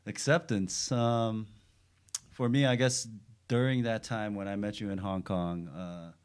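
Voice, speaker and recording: A man around thirty from Los Angeles, a podcast guest talking in a halting, thoughtful way with many fillers. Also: fairly low pitch, fairly even intonation, smooth. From Los Angeles, United States. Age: 30s. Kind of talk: casual podcast chat. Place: studio.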